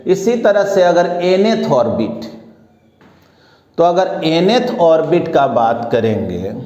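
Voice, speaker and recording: A man's voice: on the high side, a little mellow, highs cut off. A man teaching a physics lecture, explaining step by step and slipping English science terms into his speech. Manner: slow, explanatory, mixes English terms into Hindi. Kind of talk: classroom lecture. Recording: echoey room with long reverb.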